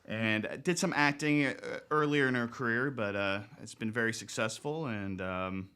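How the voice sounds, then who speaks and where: A man in his thirties, an attorney being interviewed, talking in a relaxed, halting way with lots of fillers and restarts. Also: medium pitch, clean tone. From born in Greece, grew up in the United States. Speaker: guest, attorney. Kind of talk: casual interview.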